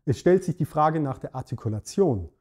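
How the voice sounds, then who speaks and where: A man with a German accent, a saxophone teacher giving a scripted lesson in a clear, measured way that speaks straight to the viewer. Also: fairly high pitch, lively intonation, darkish tone. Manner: clear, measured explaining addressing the viewer directly. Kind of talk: scripted instructional talk.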